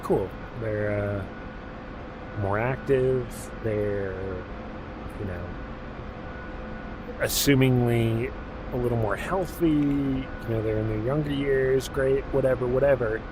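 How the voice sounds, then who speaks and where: A man in his thirties from Alaska, chatting in a relaxed, rambling way with many fillers while streaming a game. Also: medium pitch, slow pace, long pauses, noisy background. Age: 30s. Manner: rambling, laid-back, many fillers and restarts. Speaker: gaming streamer. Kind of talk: casual live-stream chat while playing.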